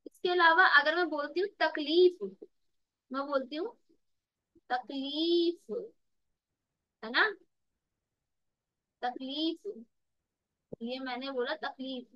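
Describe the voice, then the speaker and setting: Woman Urdu tutor, high-pitched, unhurried and repetitive, dry dull lo-fi recording. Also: no room sound. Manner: repeats words and asks the class rhetorical questions; addresses students as beta. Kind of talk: online exam-prep lesson.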